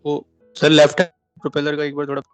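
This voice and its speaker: A man's voice: a little high, completely flat delivery, fast, dry recording, faint music behind. A young man in a classroom asking the teacher hesitant questions. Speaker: student.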